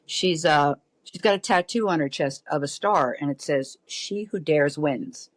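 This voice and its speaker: A middle-aged woman with a low-pitched voice speaks unhurriedly, with no room sound in the recording. As a podcast guest, she tells a story in casual conversation, animated and lively, acting out the voices of the people she quotes.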